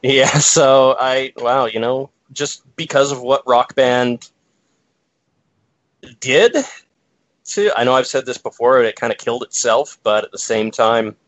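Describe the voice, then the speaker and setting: A man weighs in on a casual panel debate, pausing and restarting as he works out what he thinks. His voice sits in a dry, close space with no room sound. The audio is slightly dull. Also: mid-range voice, fairly even intonation, a bit bright, no room sound. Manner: hesitant, many fillers and restarts. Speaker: panel guest.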